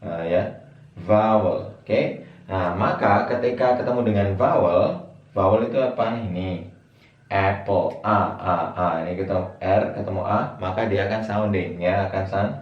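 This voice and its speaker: A low-voiced man gives a relaxed pronunciation lesson, chatting and spelling out example words one by one. He sits away from the mic in an echoey room, and the sound is a little dull. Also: measured pace, recorded from a distance. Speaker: English teacher. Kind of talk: casual online pronunciation lesson.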